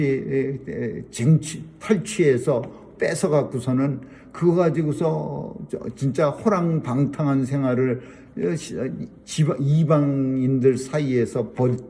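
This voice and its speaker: Warm-voiced Korean pastor preaching. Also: male voice, fairly high pitch. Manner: emphatic, repeats key phrases, rising and falling delivery. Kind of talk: sermon.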